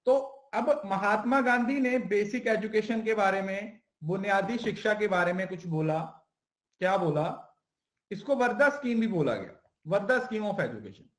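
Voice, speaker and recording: A man gives an exam-prep lecture in a high voice, mixing Hindi with English terms. He asks his listeners questions, answers them himself and repeats each key term. The room around him echoes noticeably. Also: lively intonation, measured pace, fairly bright tone. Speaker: teacher.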